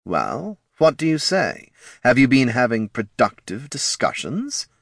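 A man voicing a grand skeletal male lich lord who speaks slowly and ominously. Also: mid-range voice, huge pitch swings, creaky, no echo, clean studio sound, voice pushed up, exaggerated voice. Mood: coaxing. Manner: slow, drawn-out, ominous.

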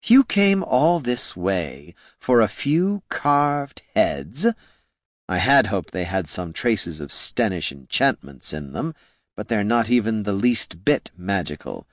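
A man voicing an undead male lich wizard, speaking slowly in a hollow, scornful, condescending way. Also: on the low side, very animated, no room sound, clean studio sound. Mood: mocking. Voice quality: hollow, slow and drawn-out. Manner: condescending, dryly mocking.

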